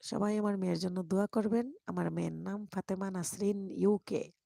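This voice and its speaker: A woman chatting to viewers on a live stream, speaking softly into a microphone while lying in bed next to a sleeping baby. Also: mid-range voice, fairly even intonation, normal speed, vocal fry, no room sound, clean studio sound. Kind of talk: casual live chat, reading comments. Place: bedroom, lying on the bed beside her baby.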